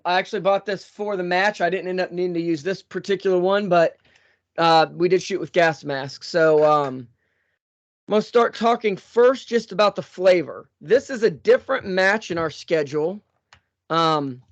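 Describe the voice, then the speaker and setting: A man's voice: high-pitched, dry recording. A man hosting a podcast, out of breath and chatting casually with lots of fillers and restarts. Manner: rambling with many fillers and restarts. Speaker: podcast host. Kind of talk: casual show intro and chat. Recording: dull lo-fi dry sound.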